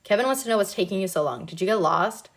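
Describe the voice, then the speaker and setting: A woman's voice: medium pitch, animated, fast, close to an everyday voice. A woman reading aloud and voicing a smiling, dangerous young man with a sing-song manner. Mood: mocking. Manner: sing-song, unsettlingly bright. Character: menacing cheerful young man.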